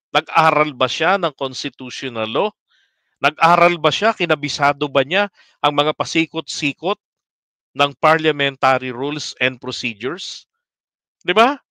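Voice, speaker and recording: Male vlogger, casual political commentary; polite, rhetorical-question style, slightly high, smooth tone. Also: sharp tone, no room sound. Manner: keeps asking viewers rhetorical questions, mixes in English words; polite, addresses audience respectfully.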